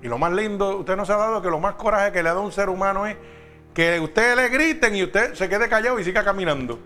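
Man, preaching sermon, high voice, faint music underneath. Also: fairly quick, bright, forceful tone. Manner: emphatic preaching with direct questions to the congregation.

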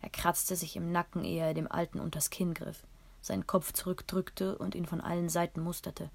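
Low, gravelly woman reading aloud. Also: little pitch movement, moderate pace. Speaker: audiobook narrator. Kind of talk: first-person story reading.

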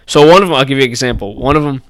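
A man of middle pitch tells a story in loose, animated podcast talk, full of fillers and the odd swear. His voice is smooth and resonant. The room is dry, with no echo. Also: very fast. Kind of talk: casual chat.

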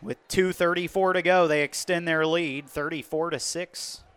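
An American man giving live play-by-play commentary on a football game, moving between measured description and raised-voice calls. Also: a little high, steady tone, a bit bright, smooth.

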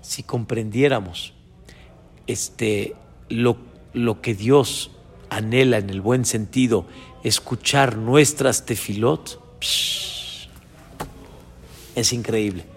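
A man, a rabbi giving an animated sermon who acts out little dialogues. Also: mid-range voice, slow pace, long pauses, husky, faint music behind. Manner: animated, acts out dialogues between father and son. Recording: long hall reverb.

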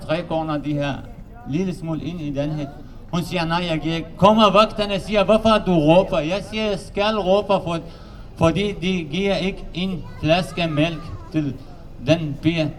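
A man who learned Danish as another language, giving a halting public testimony at a gathering, with many restarts and rising heat. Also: high-pitched, a little hiss or hum. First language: not Danish. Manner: halting, non-native Danish with many restarts, growing heated. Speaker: asylum seeker speaking at a public meeting.

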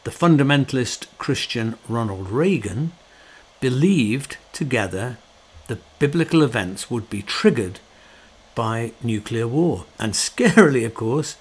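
A middle-aged man talks through a long, reflective monologue in a loose, conversational way. He leans on fillers and restarts, and his voice carries a wry, sorrowful edge. His pitch sits at an ordinary middle level. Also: expressive, a little slow, breathy edge.

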